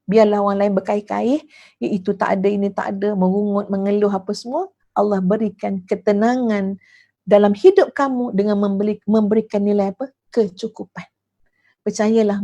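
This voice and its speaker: A Malaysian woman delivers a religious lecture in a fairly high voice with a mellow, warm tone. She talks expressively, leaning into phrases and swinging her pitch up and down to show how things should be said. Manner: expressive, acts out intonations with big pitch swings. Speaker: religious teacher.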